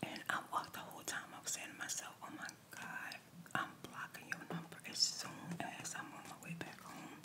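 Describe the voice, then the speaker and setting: A woman whispering a chatty story, ASMR style, while doing a word search at a table and addressing the listener as child. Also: moderate pace. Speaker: ASMR creator.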